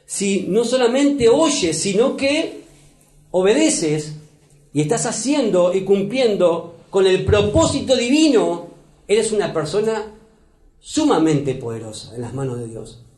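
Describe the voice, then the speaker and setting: A pastor delivers a sermon in a high, warm-toned voice. He leans into key words and slows down to read scripture. The sound carries the echo of a church hall. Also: sing-song. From Uruguay. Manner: preaching with rising emphasis, reads scripture slowly.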